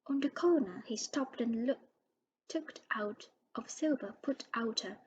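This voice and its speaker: A woman reading a storybook aloud, her voice soft and often dropping to a whisper. She stumbles now and then and restarts a word. A faint hiss runs under the recording. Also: fairly high pitch, unhurried, dull audio.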